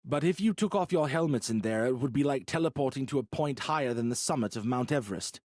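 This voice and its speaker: A calm, earnest leader , as a male narrator voices him, explains the risks in a steady, patient way. His pitch sits in a middle range, a touch above the narrator's own, and the recording is close and dry. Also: fast talker, no room sound, close to an everyday voice.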